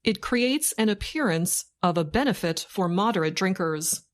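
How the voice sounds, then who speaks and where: A woman narrates a scripted news report for learners slowly and deliberately, in short phrases with pauses, like a dictation. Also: medium pitch, lively intonation. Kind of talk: slow scripted learning-English news reading.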